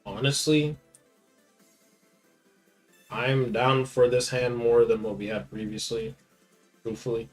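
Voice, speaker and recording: A young man giving live commentary on his card game, muttering one moment and yelling taunts the next, repeating his hype lines. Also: medium pitch, fairly even intonation, takes it slowly, long pauses, faint music behind. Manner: hype, repeats taunting phrases, swings from quiet muttering to shouting. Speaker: gaming channel host. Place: home gaming setup with monitor.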